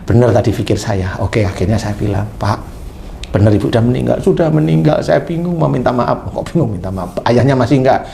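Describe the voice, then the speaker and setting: A man preaching a slight touch, telling a story in a lively way. His voice is mid-pitched, and he acts out both sides of a conversation. Faint room noise sits behind him. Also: a little fast, creaky. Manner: animated, acts out dialogue with a patient. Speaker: Islamic preacher. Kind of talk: sermon storytelling.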